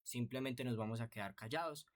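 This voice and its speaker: A man's voice: medium pitch, fairly quick. A man teaching an online music theory lesson, patient and explanatory, often checking in with rhetorical questions.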